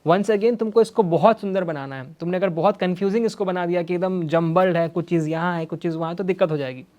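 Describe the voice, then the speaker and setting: A young man with an Indian accent giving energetic, direct study advice to exam students, mixing English phrases into his Hindi. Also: high voice, quick pace. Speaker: exam prep mentor.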